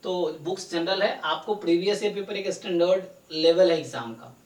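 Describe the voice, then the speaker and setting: A man's voice: high-pitched, moderate pace. A man teaching a live online math class, explaining step by step and often checking in with his students. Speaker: statistics teacher. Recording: roomy echo, distant mic.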